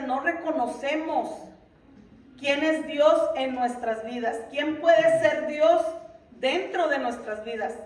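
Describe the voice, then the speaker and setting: A high-pitched woman teaches a Bible lesson in an earnest, questioning way. She is heard from a distance across a roomy church hall with a lot of echo. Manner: earnest, with many rhetorical questions to the congregation.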